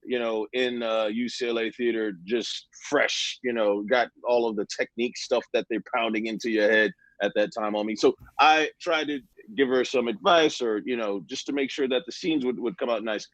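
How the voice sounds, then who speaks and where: A man on a video call, telling an anecdote haltingly with many fillers. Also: medium pitch, a bit bright, no room sound. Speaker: panelist actor. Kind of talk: casual anecdote. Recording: dull dry video-call audio.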